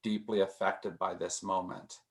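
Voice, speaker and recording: A man's voice: deep voice, flat delivery, unhurried. A man leading a casual group discussion, thinking aloud with frequent restarts and repeated words.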